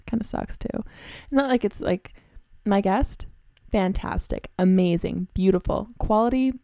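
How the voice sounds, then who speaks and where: A woman's voice: mid-range voice, vocal fry, warm tone, no room sound, clean studio sound. A young woman hosting a solo podcast, telling stories in a chatty, self-deprecating, giggly way. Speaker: podcast host. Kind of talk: casual solo storytelling.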